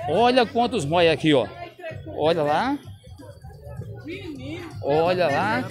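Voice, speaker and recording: A man with a Northeastern Brazilian accent walks an open-air market, talking to vendors and his viewers. His voice swings lively up and down, and he laughs easily between price calls. Music plays clearly in the background. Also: high-pitched. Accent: Northeastern Brazilian Portuguese. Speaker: vlogger touring a street market. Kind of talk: casual market walk-around vlog. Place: outdoor street market.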